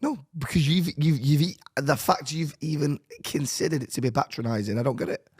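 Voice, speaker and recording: A man with a Manchester accent, a podcast host chatting casually, blunt and sweary, quick to get heated. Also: fairly high pitch, slightly rough, dry recording, clean studio sound. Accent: Manchester English. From northern England. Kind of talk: casual chat.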